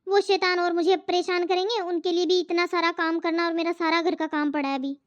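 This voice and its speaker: A woman voicing a weary grumbling housewife, very high voice. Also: flat delivery, brisk. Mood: coaxing. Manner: complaining, scolding, talks to herself. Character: overworked housewife and mother, exasperated, grumbling. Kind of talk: animated family story voice-over. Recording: muffled lo-fi voice track.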